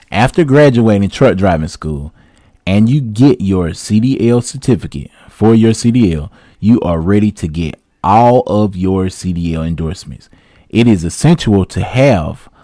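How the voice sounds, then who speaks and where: A young man, a truck driver giving relaxed, chatty career advice to viewers. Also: sits low, no echo, clean studio sound. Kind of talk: casual advice vlog with read-out tips.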